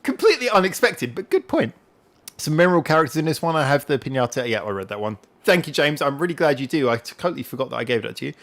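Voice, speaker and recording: A man's voice: a little high, sing-song, fast talker, fairly bright tone. Chatty man hosting a live stream. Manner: rambling and chatty, laughs often. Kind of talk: casual live stream chat.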